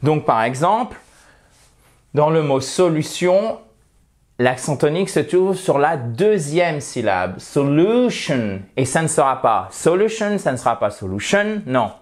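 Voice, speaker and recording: A man's voice: on the high side, lively intonation, unhurried. A man from near Saint-Étienne with a French accent, teaching English pronunciation in a video lesson at a desk microphone, playfully exaggerating mispronunciations. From France, near Saint-Étienne.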